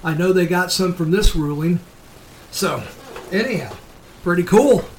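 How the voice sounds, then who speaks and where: A man's voice: high-pitched, unhurried, a little hiss or hum, rough recording. A man hosting a casual talk show, giving opinionated commentary in a blunt, sweary, emphatic manner. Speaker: show host.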